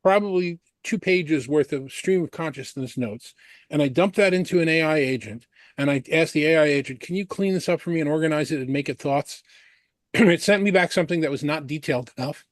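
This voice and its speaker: A man's voice: fairly high pitch, brisk, no room sound. A man debating on an analyst panel, laying out his points one by one with frequent restarts.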